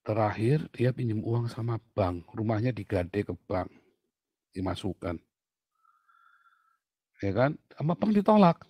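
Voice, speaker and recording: A man's voice: lowish voice, takes it slowly, long pauses, no room sound. A man teaching in a sermon-style Q&A. He tells stories with energy and acts out the voices of the people in them. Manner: animated storytelling, acting out voices of people and God.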